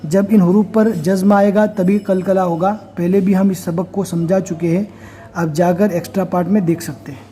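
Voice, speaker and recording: High mellow guy teaching quran reading, patient step by step explaining. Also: flat delivery. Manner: explains slowly and step by step, then recites in a slow chanting voice. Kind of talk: recorded recitation lesson.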